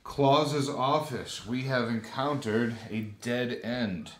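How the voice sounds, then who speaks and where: A man's voice: medium pitch, takes it slowly, reverberant, a little hiss or hum. A man casually walking through the rules of a board game step by step, thinking aloud as he lays out cards. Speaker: game designer explaining a board game. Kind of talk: casual explanation.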